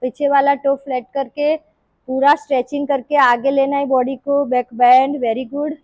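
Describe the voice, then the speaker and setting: A woman leading a live yoga class, calling out poses in short, brisk commands. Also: sits high, little pitch movement, darkish tone, poor audio. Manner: brisk, commanding cues mixing Hindi and English. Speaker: yoga instructor.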